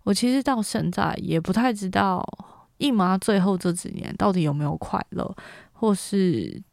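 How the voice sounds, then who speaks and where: A woman's voice: mid-range voice, expressive, normal speed, gravelly, darkish tone, no room sound, studio quality. A young woman from Taiwan hosting a podcast, telling a story in a chatty, casual way and stringing clauses together with fillers. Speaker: podcast host.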